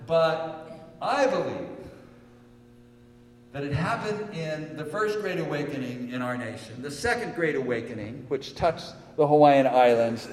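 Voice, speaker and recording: A man's voice: on the high side, lively intonation, unhurried. An older man preaching a sermon in a church, rambling with many fillers and rising to emphatic peaks. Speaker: pastor. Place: church hall. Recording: echoey hall with long reverb.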